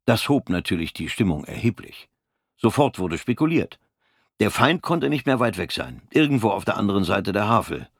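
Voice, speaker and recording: A man reading an audiobook in a measured, even storytelling manner. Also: on the low side, creaky, slightly rough, no echo, studio quality. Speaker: narrator. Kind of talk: scripted audiobook narration.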